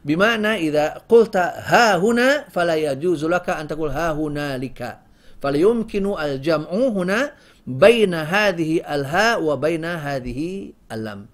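A man with a high voice gives a grammar lesson. He explains slowly and recites lines of verse. He repeats short example phrases as he teaches. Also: expressive.

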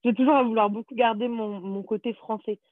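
A woman's voice: fairly high pitch, steady tone, fairly quick, no room sound. French-speaking woman chatting over a tinny line. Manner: chatty, storytelling, many fillers. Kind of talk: casual chat.

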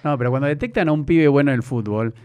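A man's voice: mid-range voice, quick pace, a little mellow, clear, resonant tone. A man hosting a casual interview, from the United States, cutting in with short reactions and eager follow-up questions. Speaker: host.

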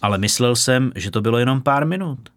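A man's voice: mid-range voice, animated, dry recording, lightly acted. A man doing a sulky, put-upon young sailor. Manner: sulky and defiant, flaring into curses.

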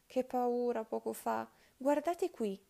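A woman's voice: fairly high pitch, takes it slowly, creaky. A woman doing a curious young sparrow. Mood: boastful. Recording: loud background music.

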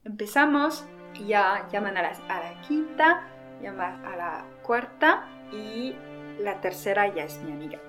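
A young woman from France telling a personal story about competing in a beauty pageant in a casual, lively way. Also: medium pitch, unhurried, faint music behind. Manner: lively, quotes herself and others in acted voices. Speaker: former pageant contestant.

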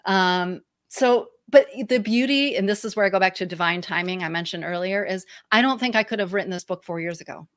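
A woman's voice: medium pitch, brisk, hardly any pauses, a bit bright, no echo, clean studio sound. A woman with a twangy American Midwestern accent speaks casually and expressively as an interview guest. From Michigan, US. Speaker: guest, author.

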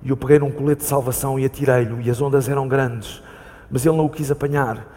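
In a reverberant theatre hall, an actor with a European Portuguese accent gives a live staged reading as a frightened man at sea hunting for his lost companion. His medium-pitched, warm voice moves fast with fairly even intonation and a light touch of acting, urgent, repetitive and pleading in a haunted retelling.

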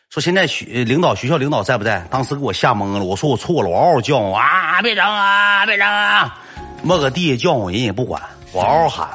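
A man with a Northeastern Chinese accent and a mid-range voice tells a comic story in an animated way, packed with coarse slang and sound effects.

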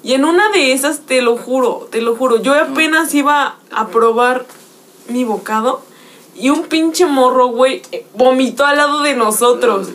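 A young woman with a Mexican accent, chatting casually on a podcast and telling an anecdote full of slang, often laughing and quoting others in a lowered voice. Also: normal speed, a bit bright. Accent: Mexican Spanish. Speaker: podcast co-host. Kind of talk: casual chat, storytelling.

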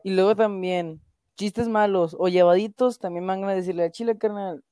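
A woman's voice: mid-range voice, steady tone, moderate pace, warm tone, no room sound. Slangy Mexican woman streamer. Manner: slangy, swears a lot, peppers speech with filler words. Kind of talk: casual profane stream chat.

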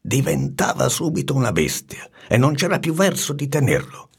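Gravelly man reading a storybook aloud. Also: medium pitch, normal speed. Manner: expressive, animated narration. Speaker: narrator.

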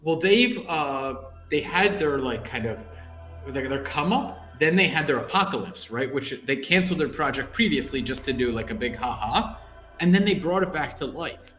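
A man's voice: on the high side, animated, normal speed, fairly bright tone. A man co-hosting a casual podcast, asking rambling, teasing questions. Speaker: podcast co-host. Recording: roomy sound with faint music.

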